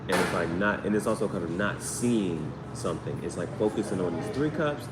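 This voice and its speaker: A tarot reader who hosts his own channel does a casual live reading, talking in a slangy, conversational way and repeating phrases as he thinks out loud. His deep voice is animated and brisk. The room is echoey, with loud noise in the background.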